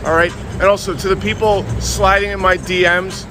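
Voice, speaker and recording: Angry ranting man with a high voice. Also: little pitch movement, normal speed, over music. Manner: angry, swearing. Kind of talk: angry rant video.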